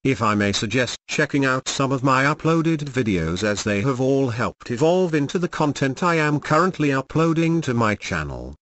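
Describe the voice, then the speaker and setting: A synthetic male text-to-speech voice narrating a video channel, reading in an even, stiff way with odd pauses. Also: mid-range voice. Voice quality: synthetic robotic voice.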